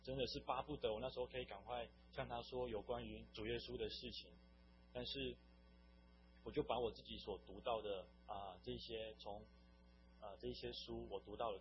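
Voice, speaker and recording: A young man giving an earnest, meandering personal faith testimony. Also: on the low side. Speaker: testimony speaker. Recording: dull lo-fi recording with faint hum.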